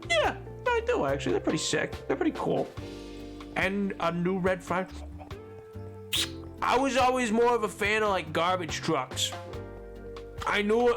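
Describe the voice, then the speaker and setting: A man chatting casually and excitably on a gaming livestream, joking and repeating his words. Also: sits high. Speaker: game streamer.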